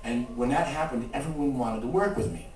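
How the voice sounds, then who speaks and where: A man telling comic stories on stage in an animated way, acting out the voices. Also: medium pitch, a little fast, soft background music. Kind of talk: comic live storytelling. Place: stage at a live show. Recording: roomy live stage from far off.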